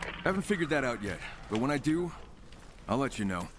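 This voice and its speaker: An actor playing a self-assured game character who bargains in a dry manner, heard over a walkie-talkie. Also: male voice, mid-range voice, big pitch swings, brisk, background noise. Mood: confident.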